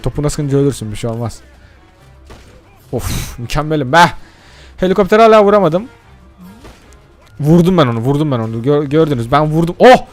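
A man doing excitable let's-play commentary, chatting straight to his viewers and cursing casually at the game. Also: on the high side, fairly quick, soft background music. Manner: addresses viewers directly. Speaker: gaming YouTuber.

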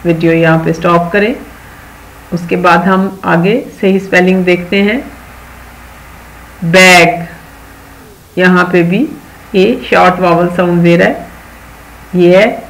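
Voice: medium pitch, steady tone, vocal fry, low-quality recording. Patient teacher with a Pakistani accent. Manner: patient, instructive, repeats key words and gives moral advice to children; reads English sentences slowly and deliberately. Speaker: primary school English teacher. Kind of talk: recorded video lesson for children.

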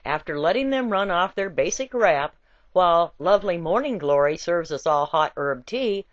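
This dull, lo-fi home recording with no room sound carries a woman's expressive narration of a satirical essay. Her fairly low voice is expressive and moves at normal speed, delivered in a playful, theatrical way.

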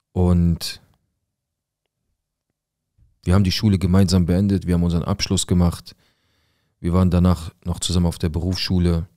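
A man's voice: low voice, a little mellow, no echo, studio quality. A man narrating a viewer's life story in the first person, in a casual, colloquial way that speaks straight to his viewers.

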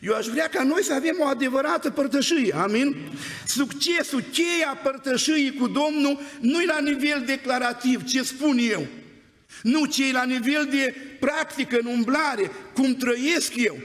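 A man's voice: very high voice, a bit bright. A man preaching a sermon in a church, telling stories in a conversational way and often prompting the congregation with "amen?". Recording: long church hall reverb.

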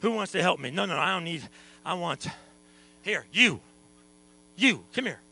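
Man, pastor, revival sermon, bright high voice, church, mains hum. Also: expressive, normal speed, vocal fry, breathy edge, rough recording. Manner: preaching, swings from soft talk to shouting. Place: church sanctuary.

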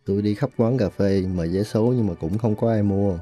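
A man voicing an older lottery seller recounting his story in voice-over, his Southern Vietnamese narration plain and reflective. The voice is low and very mellow, over faint music. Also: brisk, natural voice. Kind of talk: first-person voice-over narration.

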